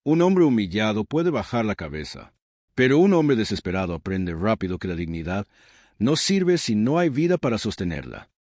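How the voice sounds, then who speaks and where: Deep, solemn male storyteller. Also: big pitch swings, normal speed, darkish tone, dry recording, clean studio sound. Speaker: narrator. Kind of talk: scripted dramatic narration.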